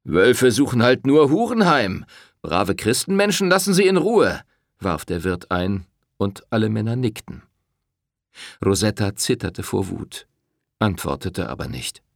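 A man narrating an audiobook with expressive storytelling. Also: fairly low pitch, vocal fry, no room sound, clean studio sound.

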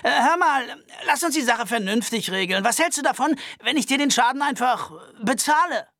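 A man's voice: very high voice, lively intonation, normal speed, sharp tone, no echo, clean studio sound, pitched above the performer's own voice, exaggerated voice. A man voicing a nervous, rambling sheep farmer in a Western audiobook, babbling and laughing nervously.

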